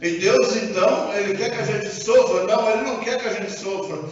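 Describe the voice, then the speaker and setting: A man with a Brazilian Portuguese accent preaching a sermon as pastor in a church, animated and acting out dialogue. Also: high-pitched, fairly quick, a little hiss or hum. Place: church sanctuary. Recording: echoey hall from far off, dull sound, music behind.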